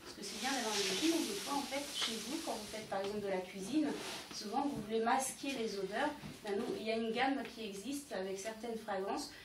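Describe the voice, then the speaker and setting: With a slightly high voice and a brisk pace, a woman explains her candles one step at a time to home-party guests, often hesitating. The recording is echoey, from a distant mic, with faint background noise.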